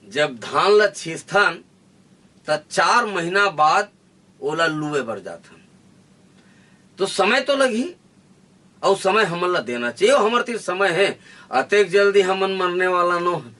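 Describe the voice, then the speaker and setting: A man with a Chhattisgarhi accent giving a forceful interview answer, declaiming in rallying repeated lines. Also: a little high, distant mic. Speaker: interviewee, activist leader. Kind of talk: fiery political speech.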